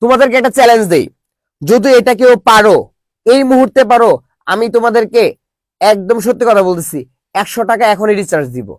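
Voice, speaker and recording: A man's voice: sits high, fairly quick, pauses often, no room sound. A young man teaching a live online Bangla class, joking with students and drilling them with call-and-response questions.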